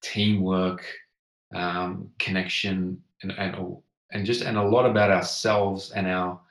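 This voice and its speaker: A man with a fairly low voice hosts a podcast interview. He talks earnestly and somewhat haltingly, in a conversational style, with a roomy echo around his voice. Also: level tone. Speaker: podcast host.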